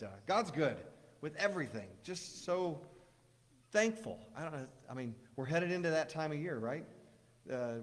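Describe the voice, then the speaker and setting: A middle-aged man preaching a casual sermon, rambling with restarts and telling jokes. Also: medium pitch. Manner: rambling, warm storytelling with restarts. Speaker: pastor. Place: church sanctuary. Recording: long church hall reverb.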